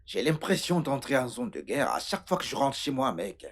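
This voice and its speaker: A man dubbing a worn-out husband in a film, exasperated and prone to bursts of shouting. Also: mid-range voice, big pitch swings, a little fast. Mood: weary. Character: harried husband, worn out at home. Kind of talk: dubbed film acting.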